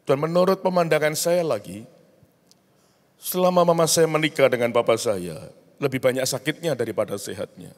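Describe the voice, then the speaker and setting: A man's voice: mid-range voice, expressive, normal speed. A man preaching, telling a personal story with emotional rises. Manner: storytelling, rising into emotional outbursts. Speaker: pastor. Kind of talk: sermon testimony. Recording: long hall reverb.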